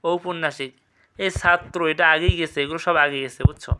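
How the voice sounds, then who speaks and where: A man teaching an exam revision class, repeating each word slowly and checking with quick questions. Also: on the high side, steady tone, pushed and bright, slight background noise.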